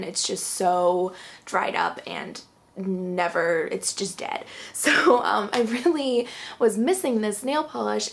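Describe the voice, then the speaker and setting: A young-sounding woman reviews her favorites in a chatty, rambling way, short of breath between phrases. Her voice carries a heavy, gravelly vocal fry under a mid-range pitch. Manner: chatty, fillers like "um" and "like". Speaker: beauty vlogger. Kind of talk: casual product review.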